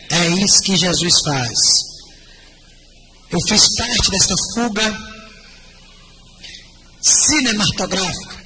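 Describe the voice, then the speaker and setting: An older man, a pastor telling his testimony in animated storytelling with bursts of shouted praise. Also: high voice, low-quality recording. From Rio de Janeiro, Brazil. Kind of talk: testimony sermon. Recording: loud background noise.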